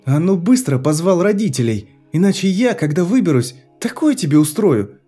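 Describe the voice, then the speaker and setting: A man reading an audiobook, voicing a frightened, angry young woman who answers in sharp, indignant retorts. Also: high-pitched, very animated, moderate pace, faint music behind, pitched above the performer's own voice.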